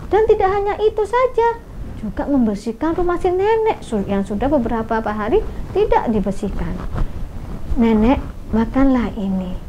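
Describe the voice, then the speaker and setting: A woman telling a children's story live on radio, lively and speaking straight to her young listeners. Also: high voice, slight background noise. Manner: lively, addresses listeners directly. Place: radio studio. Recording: muffled radio studio audio.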